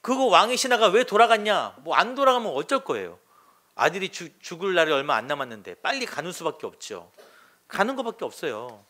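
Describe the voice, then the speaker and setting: A male pastor preaches in a church in a frank, colloquial way, often asking his listeners questions. His voice is bright and keen and sits somewhat high for a man, with a lively, swinging pitch. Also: brisk. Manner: conversational, asks the congregation questions. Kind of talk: Sunday sermon.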